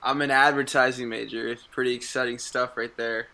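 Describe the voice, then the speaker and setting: A man's voice: medium pitch, flat delivery, fairly quick, vocal fry, pushed and bright. A twenty-year-old man chatting casually on a podcast in a laid-back, easygoing way. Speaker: podcast co-host, college student. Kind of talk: casual chat.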